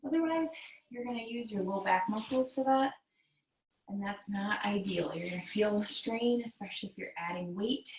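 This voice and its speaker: A woman's voice: medium pitch, vocal fry. A woman fitness instructor leading a virtual workout, counting down reps and cueing form while she exercises in a small room. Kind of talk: coaching a virtual workout class. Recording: roomy echo, mic at a distance, faint noise.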